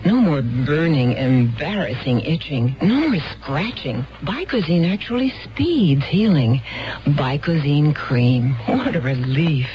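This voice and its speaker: A woman's voice: low-pitched, lively intonation, slow pace. A woman giving a scripted testimonial in a 1970s radio commercial. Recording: dull 1970s radio recording, faint music.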